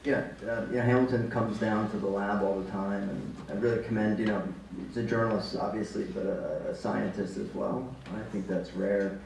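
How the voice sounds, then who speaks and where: A man's voice: on the low side, little pitch movement, normal speed, vocal fry, few pauses, a little mellow, slight background noise. A man speaking as a panel guest, casual, with fillers. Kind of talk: panel conversation. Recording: echoey room, far from the mic.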